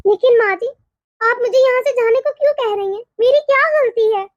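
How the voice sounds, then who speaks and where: A gentle, meek young cartoon daughter-in-law, voiced by a woman, who pleads softly in a very high voice. The sound is close and dry. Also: brisk, no echo, highs cut off. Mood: pleading. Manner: soft, pleading, bewildered. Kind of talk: cartoon voice acting.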